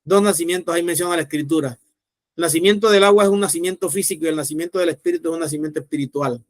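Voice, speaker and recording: Rapid-fire and on the high side, a male pastor delivers a sermon in a dry recording. He tells a story and gives voice to each of its characters.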